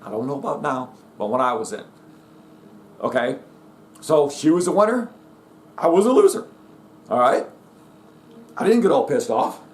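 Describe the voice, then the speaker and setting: A man's voice: mid-range voice, animated, moderate pace, pauses often. A middle-aged man from the United States delivering a blunt, emphatic rant, repeatedly asking "okay?" and "guess what?". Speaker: vlogger. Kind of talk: ranting monologue.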